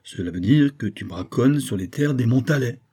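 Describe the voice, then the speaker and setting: A male narrator voicing a mocking, insolent young nobleman in an audiobook, pitched higher than his own voice. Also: animated, moderate pace, warm tone, slightly rough.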